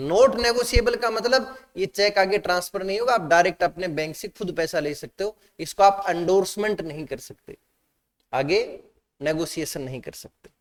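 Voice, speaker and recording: A man's voice: high voice, fairly bright tone, long reverb tail. A man teaching a class, asking students questions and mixing Hindi with English terms. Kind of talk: classroom lecture.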